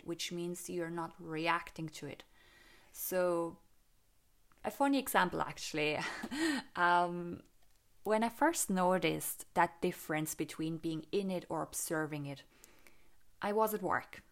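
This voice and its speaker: A woman telling a personal story in a casual, reflective way, often laughing and asking "right?". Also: on the low side. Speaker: meditation vlogger sharing her experience.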